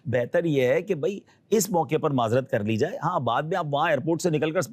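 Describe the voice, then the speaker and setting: A man with a fairly high voice gives earnest, cautionary advice in an interview and slips into voices for the people he quotes. The sound is close and dry, with no room echo. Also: expressive, a little mellow. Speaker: guest advising pilgrims. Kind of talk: advisory interview talk.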